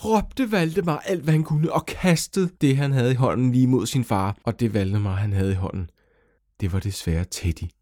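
A man narrating a children's story in a lively, animated way. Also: no room sound, clean studio sound. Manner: lively, animated storytelling with sudden pitch jumps.

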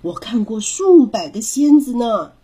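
A woman's voice: fairly high pitch, big pitch swings, unhurried, mellow, husky, full character voice. A woman voicing a confident, teasing young girl who leads the way in a storybook reading. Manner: bossy and teasing.

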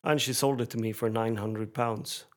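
A man's voice: mid-range voice, fairly even intonation, moderate pace. A man co-hosting a podcast, telling a rambling story and acting out phone calls in a raised voice. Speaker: podcast co-host. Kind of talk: casual chat.

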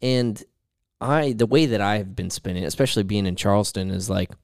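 Casting note: a relaxed podcast co-host, man, lowish voice, dry close sound. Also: moderate pace, dry recording. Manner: relaxed, rambling, laughs often. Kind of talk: casual chat.

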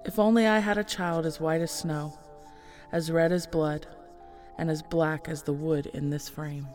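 A man voicing a gentle young queen, soft and wistful, in a storybook reading with soft music behind. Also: fairly high pitch, fairly even intonation, measured pace, pitched above the performer's own voice, close to an everyday voice.

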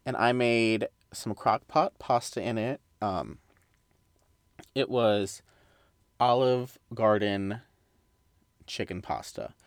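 A man's voice: lowish voice, slow, long pauses, no echo, studio quality. A young adult man hosting a casual solo podcast, rambling through tangents and side remarks. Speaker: podcast host.

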